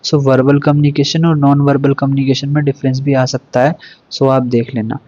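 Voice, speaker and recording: A man's voice: medium pitch, little pitch movement, moderate pace, darkish tone, no room sound, muffled recording. Man giving a casual exam revision lecture. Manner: informal, repetitive fillers, rhetorical questions. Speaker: teacher.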